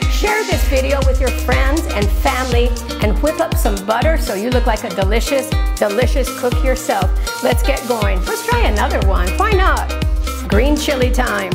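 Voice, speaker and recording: Upbeat woman hosting a home cooking show. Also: high-pitched. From New Mexico. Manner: chatty, upbeat, enthusiastic. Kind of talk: cooking demonstration. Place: home kitchen.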